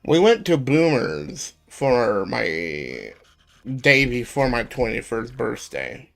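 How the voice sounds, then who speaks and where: Slow rambling guy with a gravelly voice. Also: medium pitch, sing-song, soft background music. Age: 20s. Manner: rambling, many ums and pauses. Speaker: streamer. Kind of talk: casual live stream chat.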